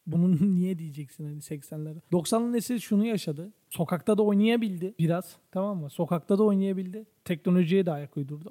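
A man's voice: high voice, dark tone. A young man from Turkey in his twenties, hosting a podcast, ranting casually and swearing a lot in an exasperated way. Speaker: podcast host.

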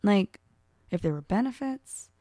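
A woman's voice: medium pitch, lively intonation, measured pace, dark tone, dry recording, studio quality. A young adult woman co-hosting a podcast in casual chat, rambling with many fillers. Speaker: podcast co-host.

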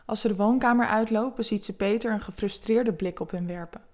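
The speaker is a woman telling an erotic story in a gentle, hushed, close-up voice of medium pitch. Her pace is slow and steady, and the softness never wavers.

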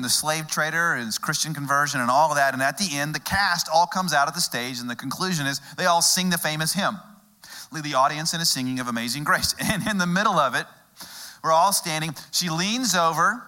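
A middle-aged male pastor from Texas, preaching a sermon through a humorous story told with dramatic pauses. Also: on the high side, bright, forceful tone.

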